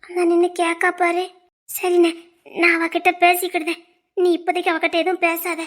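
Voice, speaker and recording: A woman's voice: extremely high pitch, completely flat delivery, moderate pace, a bit bright. A young woman, acting a kind younger sister who soothes and consoles. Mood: calming. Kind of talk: web series drama acting.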